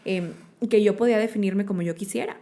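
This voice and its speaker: A woman's voice: medium pitch, quick pace, dark tone. A woman from Monterrey, Mexico, with a Mexican Spanish accent, speaking as a guest in an interview. She talks expressively, with many fillers and tag questions. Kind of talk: conversational interview storytelling.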